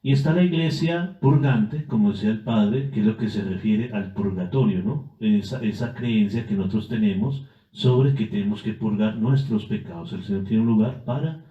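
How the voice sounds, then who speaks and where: A man, a priest guest, explaining church doctrine in a measured way. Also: lowish voice. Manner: measured, with frequent filler tags and restarts. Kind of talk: catechetical explanation. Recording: echoey, dull-sounding room.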